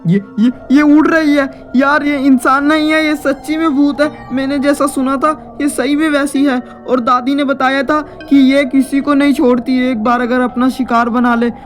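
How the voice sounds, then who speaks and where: Scared young man voiced by a woman, stammering, panicky, high voice, cartoon horror. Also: little pitch movement, moderate pace, hardly any pauses, soft background music, lightly acted. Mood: terrified. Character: terrified young man lost in a haunted forest.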